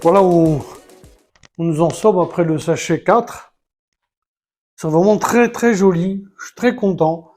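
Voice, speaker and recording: A Lego building vlogger talks casually and hesitantly while building a model set, counting pieces aloud and restarting his sentences. His voice is high and darkish, a little slow, with frequent pauses. Soft music plays in the background.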